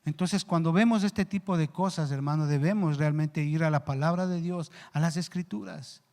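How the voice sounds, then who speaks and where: A male pastor preaching a sermon earnestly, rising in pitch and volume for emphasis and slowing down on key words. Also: a little mellow. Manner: slows down to stress key words. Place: church hall. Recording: long church reverb.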